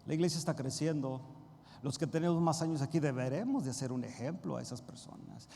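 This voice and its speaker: A man's voice: a little high, lively intonation, a little fast, gravelly. Fiery man preaching in a big hall. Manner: swings from hushed to loud emphatic bursts; addresses congregation directly as brothers. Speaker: pastor. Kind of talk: sermon. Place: church sanctuary. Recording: reverberant church hall, faint noise.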